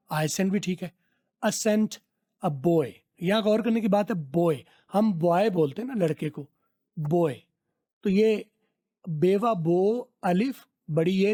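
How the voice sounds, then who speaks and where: A middle-aged Pakistani man teaches spoken English, slowly repeating phrases so learners can drill pronunciation. His voice sits high and sounds mellow.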